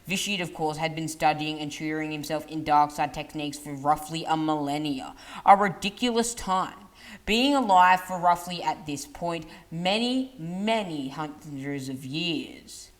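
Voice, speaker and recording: A woman's voice: low voice, unhurried. A woman narrating a lore video from a script, leaning hard on dramatic phrases, with small restarts.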